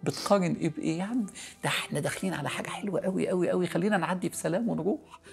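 Egyptian preacher guy, middle aged, rapid and kinda gravelly, soft music underneath. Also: high voice. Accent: Egyptian Arabic. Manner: earnest, coaxing, repeats words for emphasis, drops to a soft hush. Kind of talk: motivational religious talk.

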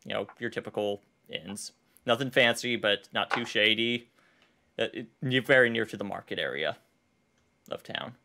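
A man running a livestreamed tabletop game as game master, talking in a halting way with fillers and restarts. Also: lowish voice, gravelly, pushed and bright.

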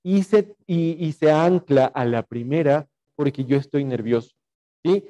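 A man's voice: a little high, measured pace, mellow. A young man with an Ecuadorian Spanish accent, teaching a class over a video call, explaining and dictating notes with frequent fillers and rhetorical checks. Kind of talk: online class lecture.

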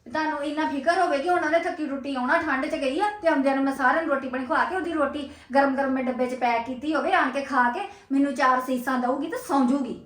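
Angry high-voiced Punjabi woman, echoey room. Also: quick pace, hardly any pauses. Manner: angry, scolding, reproachful. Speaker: younger sister-in-law. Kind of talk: scripted family drama acting.

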